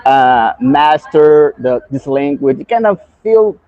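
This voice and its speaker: A man's voice: fairly high pitch, animated, takes it slowly, no echo, narrow, tinny audio. A man from Brazil with a Brazilian accent, a native Portuguese speaker learning English, chatting hesitantly in a casual lesson. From Salvador, Brazil.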